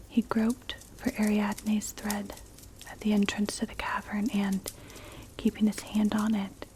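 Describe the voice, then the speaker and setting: A woman narrating a story for ASMR in a breathy, unvoiced whisper, gentle and measured, close to the mic. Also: medium pitch. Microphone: close mic, ear-to-ear ASMR. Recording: clear background noise, clicks. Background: crackling fire.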